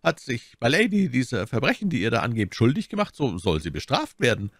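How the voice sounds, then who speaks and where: A man voicing a stern, imperious older male cardinal in an audiobook, speaking slowly and deliberately with a menacing edge. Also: medium pitch, sing-song, fairly bright tone, no echo, clean studio sound, pitched above the performer's own voice. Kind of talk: audiobook character voice.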